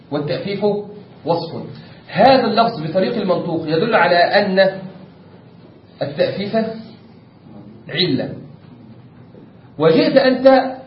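Egyptian man lecturing in an echoey room. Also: high-pitched. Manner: explains step by step, asks the class rhetorical checks. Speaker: teacher of Islamic jurisprudence. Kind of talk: classroom lecture. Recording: echoey room, distant lo-fi mic with faint noise.

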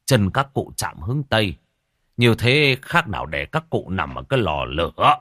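A man voicing a calm older geomancer who explains grave rites slowly in an audio story. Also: lowish voice, dry recording, clean studio sound. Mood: explaining. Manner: slow, lecturing.

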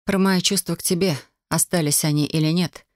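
A hesitant, frightened wife, voiced by a male narrator who lifts his pitch a little. She speaks softly and falters between phrases, as in an audiobook scene. The recording is dry and close. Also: steady tone, no room sound, close to an everyday voice. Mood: anxious. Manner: soft, halting, tremulous. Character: anxious, hesitant adult woman, the hero's wife. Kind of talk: audiobook dialogue.

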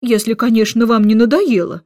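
A woman's voice: fairly high pitch, moderate pace, darkish tone, no echo, clean studio sound, close to an everyday voice. Woman playing a carefree storybook king. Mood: easy. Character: carefree, cheerful male king, calm.

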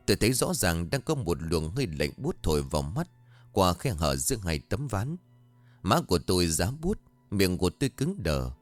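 A man telling a first-person horror story as scripted narration, lifting his voice for shouted quotes. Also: low-pitched, dry recording.

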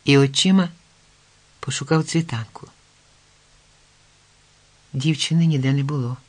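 Reading scripted narration, a male audiobook narrator presents a historical folk tale in a steady, expressive storytelling style. His pitch sits in the medium range.

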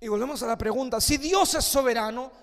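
High-voiced pastor preaching in an echoing hall. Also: male voice, quick pace. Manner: acts out story voices, swings from soft to shouting. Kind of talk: sermon with storytelling.

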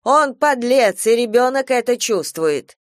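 A woman's voice: a little high, lively intonation, a little slow, no echo, voice pushed up. A woman voicing a stern, protective elderly grandmother who scolds indignantly, with a dry close sound.

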